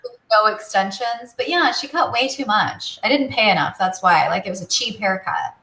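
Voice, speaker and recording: A woman's voice: mid-range voice, animated, normal speed, pushed and bright. A woman co-hosting a show in casual chat, talking informally and peppering her sentences with "like". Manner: informal, chatty, frequent "like". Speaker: show co-host. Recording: roomy echo.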